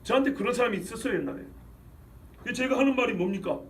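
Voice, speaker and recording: A male pastor preaching a sermon, firing rhetorical questions and swinging between loud outbursts and low asides. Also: rapid-fire, recorded from a distance. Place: church sanctuary.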